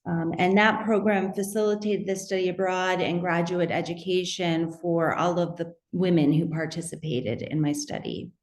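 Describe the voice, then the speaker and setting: Middle-aged woman presenting research, careful and measured, some ums, echoey room. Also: lowish voice, fairly even intonation. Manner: measured, methodical, occasional fillers and restarts. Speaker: academic researcher presenting at a symposium. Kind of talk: conference presentation. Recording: roomy echo.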